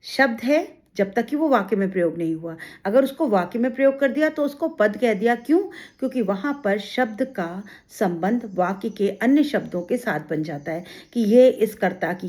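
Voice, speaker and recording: A woman's voice: medium pitch, lively intonation, normal speed, few pauses, darkish tone. A woman teaching a grammar lesson for exam students, in a mid-range voice. She builds each point step by step, poses rhetorical questions and answers them with everyday examples.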